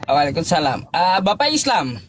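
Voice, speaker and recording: Man, high voice, swooping intonation, casual co-host, brief interjections, noisy recording. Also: sing-song, normal speed. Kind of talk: casual live chat. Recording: noisy with clicks.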